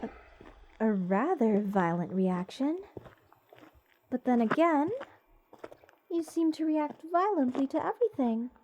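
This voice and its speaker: Her high, expressive voice comes through a muffled recording over a noisy background. This voice actor takes the role of an eccentric mage gushing over cursed creatures, rambling to the listener in a whimsical fantasy ASMR roleplay. The delivery is slow, doting, and theatrically whimsical, with a dreamy, fond mood.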